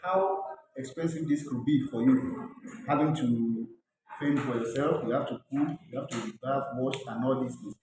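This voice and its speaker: A man hosting an interview, speaking formally with slow fillers. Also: mid-range voice, steady tone. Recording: echoey room, distant mic, crowd noise.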